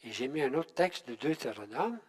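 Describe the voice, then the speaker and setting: A man's voice: mid-range voice, big pitch swings, a little mellow. Older man teaching a Bible class. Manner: halting, with many restarts and tag questions. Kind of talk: unscripted Bible class talk.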